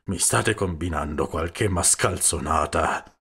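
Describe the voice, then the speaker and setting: A man's voice: lowish voice, lively intonation, takes it slowly, a bit bright, breathy edge, full character voice. A man voicing a burly, hot-tempered communist mayor in an audiobook, roaring out indignant outbursts. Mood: seething. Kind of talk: audiobook character reading.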